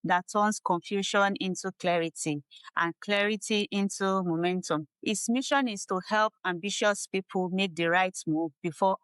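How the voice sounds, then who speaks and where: Smooth-voiced woman hosting a podcast. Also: mid-range voice, moderate pace, a bit bright, dry recording, low-quality recording. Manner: polite, formal introductions. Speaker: podcast host. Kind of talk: interview hosting.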